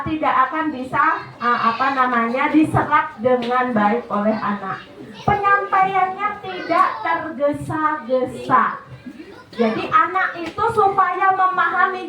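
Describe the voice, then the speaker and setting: High-voiced woman with a Javanese accent. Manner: chatty, mixes in Javanese phrases, animated. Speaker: parenting seminar speaker. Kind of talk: parenting talk to parents. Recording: echoey hall, distant mic, noisy.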